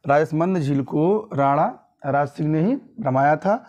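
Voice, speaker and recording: A man's voice: fairly high pitch, measured pace, darkish tone, dull audio. A young man from Uttar Pradesh teaching an exam-prep lesson, repeating points and quizzing listeners with tag questions. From Uttar Pradesh, India.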